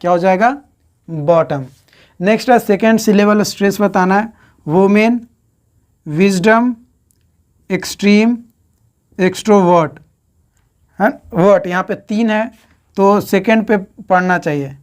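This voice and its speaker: A woman's voice: mid-range voice, unhurried, long pauses, a little mellow. A woman teaching an exam-prep lecture in speech, counting syllables aloud and repeating each question and answer for her students.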